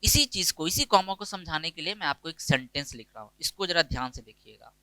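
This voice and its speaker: Bright, crisp Hindi-speaking teacher man. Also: on the high side, expressive, a little fast, dry recording, poor audio. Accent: Indian English. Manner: explains step by step, asks and answers his own questions. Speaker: English teacher. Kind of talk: online classroom lecture.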